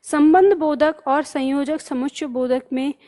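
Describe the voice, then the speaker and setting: A woman's voice: high-pitched, a little slow, warm tone. A woman teaching a grammar lesson. She asks questions and answers them herself, and repeats key terms for emphasis.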